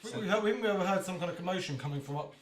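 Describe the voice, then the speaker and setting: Fast-talking guy at a tabletop game, eager, bit high voice, roomy far-off sound with music. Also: lively intonation. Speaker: player. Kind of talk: casual game chat. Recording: roomy, distant mic with background music.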